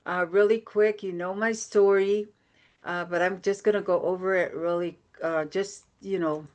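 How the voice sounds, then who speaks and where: A woman's voice: fairly low pitch, fairly even intonation, normal speed. A woman from American Samoa giving an upbeat, conversational motivational training over a video call, with many fillers and repeated phrases. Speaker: team leader giving a training.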